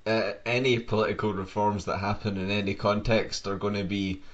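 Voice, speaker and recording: Man, co-host, low pitch, muffled lo-fi sound, animated. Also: a little fast. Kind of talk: casual conversation. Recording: dull lo-fi sound.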